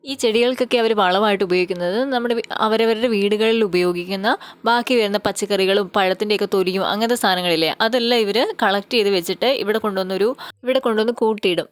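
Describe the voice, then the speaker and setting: A woman's voice: medium pitch, no echo. A woman from Kerala giving a casual, chatty farm-tour vlog outdoors in a garden, explaining things and often tagging on little questions. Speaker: vlogger.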